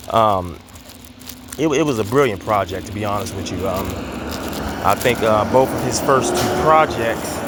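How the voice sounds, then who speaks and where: A man's voice: mid-range voice, very noisy. A man hosting a casual commentary monologue, slightly out of breath as he walks outdoors, talking in a loose, emphatic way with lots of fillers and repeated words. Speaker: commentary host. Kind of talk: casual monologue while walking. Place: outdoors, walking.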